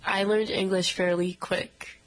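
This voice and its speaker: A woman's voice: mid-range voice, little pitch movement, measured pace, poor audio. A young woman from Haiti, a native Haitian Creole speaker, giving plain, candid short answers as a student guest in an interview. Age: young adult.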